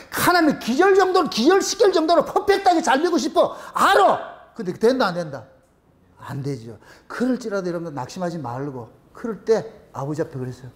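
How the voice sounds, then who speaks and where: A middle-aged man preaching a sermon, his voice sitting high and leaping widely in pitch. He talks to his congregation in a loose, chatty style, throwing out rhetorical questions and laughing now and then. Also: darkish tone. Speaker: pastor.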